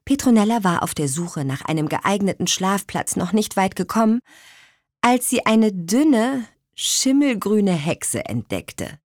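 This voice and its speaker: A woman narrating a children's storybook in an expressive, unhurried way. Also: medium pitch, dry recording, studio quality.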